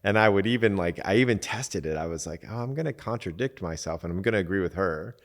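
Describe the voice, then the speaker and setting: A man, a podcast host and coach, giving relaxed, candid advice in casual talk, swearing now and then and acting out little quotes. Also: deep voice, fast talker, big-room sound.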